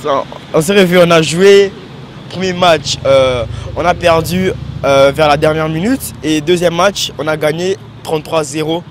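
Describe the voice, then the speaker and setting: Halting rugby player from Kinshasa. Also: male voice, a little high, a little hiss or hum. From Kinshasa, Congo. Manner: halting, with fillers. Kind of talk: casual interview answers.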